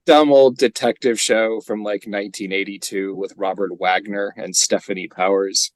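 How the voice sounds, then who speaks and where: A man's voice: fairly low pitch, fairly even intonation, moderate pace, no echo. A man co-hosting a podcast, rambling in casual chat with frequent laughs. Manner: rambling, laughs often, drops into gravelly impressions. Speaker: podcast co-host.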